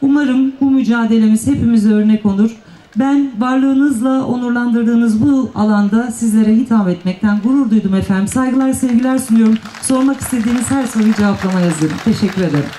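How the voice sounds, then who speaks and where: A middle-aged woman delivers a formal political speech with a fairly high, soft-edged voice. She speaks emphatically into a handheld microphone, repeating phrases for effect, and the public-address sound echoes around her. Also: brisk, a faint crowd. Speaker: district mayor, panel speaker. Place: panel table on an outdoor stage at night.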